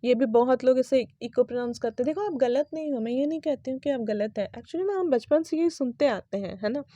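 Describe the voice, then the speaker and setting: A woman's voice: high voice, fairly quick, dark tone, no room sound, lo-fi sound. Woman teaching English pronunciation. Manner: explains patiently, spells words letter by letter, often asks "right?". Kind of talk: casual classroom explanation.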